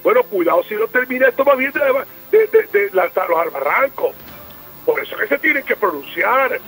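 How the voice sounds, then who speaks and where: A man's voice: high voice, fairly bright tone, poor audio. A man with a Venezuelan accent hosting a radio news show, arguing in an emphatic, exclamatory way and repeating words when worked up. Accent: Venezuelan Spanish. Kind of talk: heated debate.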